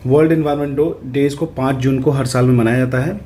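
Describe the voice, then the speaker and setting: A man, an exam prep tutor, explaining answers in a casual lesson, checking in often and reading questions out slowly. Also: medium pitch, fairly even intonation, mellow. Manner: conversational, repeats "ठीक है" to check in, reads English questions out slowly.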